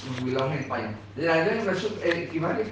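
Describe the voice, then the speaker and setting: Male association spokesman, slightly raised pitch, insistent formal appeal, far from the mic. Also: expressive, fast talker. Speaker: pensioners' association representative. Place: meeting room in parliament. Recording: echoey room, recorded from far off, noisy.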